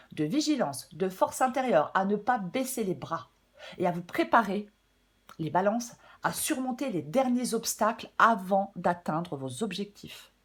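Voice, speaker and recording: Slightly hoarse woman doing a weekly tarot reading, casual and chatty, mid pitch. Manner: casual, chatty, with fillers and throat clearing. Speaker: tarot reader.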